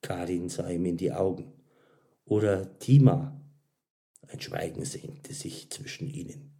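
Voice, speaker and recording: A man reading a story aloud as narrator, expressive and unhurried. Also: low voice, creaky. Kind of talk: audiobook narration.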